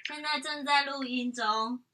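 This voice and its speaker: A woman's voice: sits high, steady tone, a little slow, sharp tone. A woman co-hosting a podcast in casual, exasperated chat, with muffled audio re-recorded from a phone. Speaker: podcast co-host.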